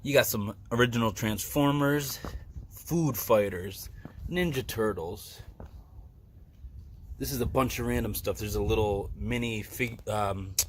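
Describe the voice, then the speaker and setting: Excitable man telling vlog stories. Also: lowish voice, measured pace, long pauses, a little hiss or hum. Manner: animated, excitable, with laughs and fillers. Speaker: vlogger. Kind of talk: casual vlog storytelling. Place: outdoors, partly in a car.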